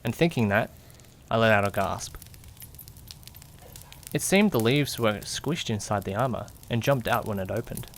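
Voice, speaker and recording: A lowish, expressive male voice unfolds at a moderate pace, broken by long pauses, with slight background noise. As the jittery, curious young companion to a detective, he narrates an amateur mystery audio drama in first person, adding questioning asides. The mood: suspenseful and curious.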